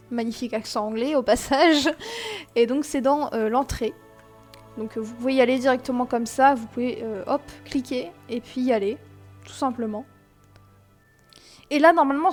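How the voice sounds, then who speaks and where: A young woman with a slightly high voice walks viewers through a game in a chatty screen-recorded tutorial. She explains step by step, fills pauses with hesitations and tosses in self-mocking asides. Soft game music plays faintly behind her. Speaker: gaming tutorial host.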